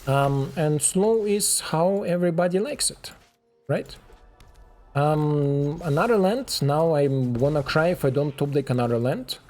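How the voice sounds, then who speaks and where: A man's voice: a little high, unhurried, darkish tone, faint music behind. A man giving casual commentary while he plays a card game, chatting to his opponent and to the game itself. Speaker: streamer playing a card game.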